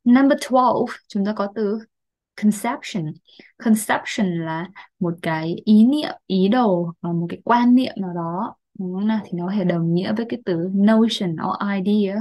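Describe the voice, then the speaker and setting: A woman's voice: mid-range voice, normal speed, dark tone. A young adult woman with a Vietnamese accent, teaching English vocabulary and checking in often with tag questions.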